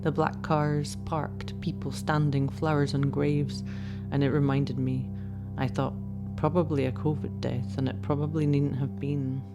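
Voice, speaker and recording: Reflective documentary narrator, slow and measured, music bed. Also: medium pitch, little pitch movement. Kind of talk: calm film narration.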